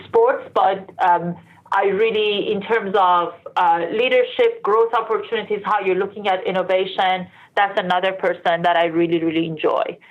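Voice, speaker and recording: Heard through dull, band-limited lo-fi audio, a woman speaks at a moderate pace, medium pitch and fairly even intonation. An interview guest working in the sports industry, she came from Iran and later settled in Canada, and she replies in a relaxed, chatty way full of explanations, side remarks and self-corrections.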